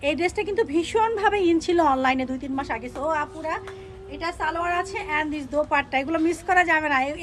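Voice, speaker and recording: A young woman selling clothes on a live stream, pitching each dress with pushy repetition and English words mixed in. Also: a little hiss or hum. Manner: repeats phrases, pushy upbeat selling, mixes English words. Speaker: online clothing seller.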